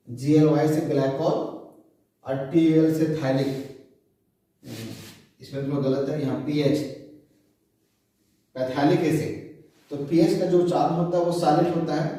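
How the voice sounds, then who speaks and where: Hindi chemistry teacher in an echoey room. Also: male voice, on the high side, dark tone. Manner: slow, repeats terms and asks questions to students. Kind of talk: classroom lecture. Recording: very echoey room, voice far from mic.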